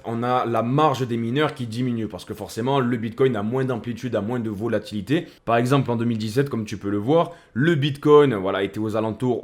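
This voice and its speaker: A man hosting a casual crypto commentary, speaking in a chummy way that addresses the viewer as a buddy. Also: mid-range voice. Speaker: crypto video host.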